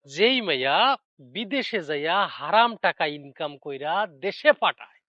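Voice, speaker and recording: A sneering meddling village friend. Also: male voice, fairly high pitch, expressive, moderate pace, sharp tone, no echo, dull audio. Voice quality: sneering, insinuating. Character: gossiping meddling village friend, young man.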